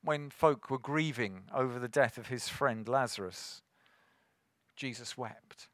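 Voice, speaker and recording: A man preaching a sermon, earnest and rising to forceful emphasis. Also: mid-range voice, a little slow, dry recording, clean studio sound.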